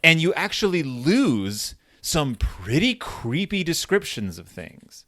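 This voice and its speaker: With a slow, sing-song delivery, a man hosts a casual book podcast, wandering off topic and interrupting himself with an explainer's enthusiasm. His voice is a little high and fairly bright, studio quality with no room sound.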